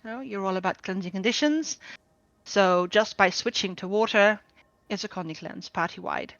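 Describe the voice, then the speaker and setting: A woman runs a training session over group voice chat and explains each choice step by step, filling pauses with ums. Her voice is of middling pitch and comes through a dull, lo-fi mic with no room sound. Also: fairly bright tone, no room sound. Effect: group voice chat audio. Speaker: guild trainer. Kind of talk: game build tutorial.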